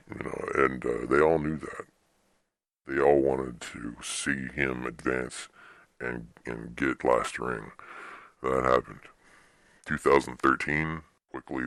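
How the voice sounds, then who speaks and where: A man's voice: extremely low pitch, gravelly, a bit bright, dry recording, studio quality. A young man giving casual, rambling solo sports commentary as the host of a webcast. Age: young adult.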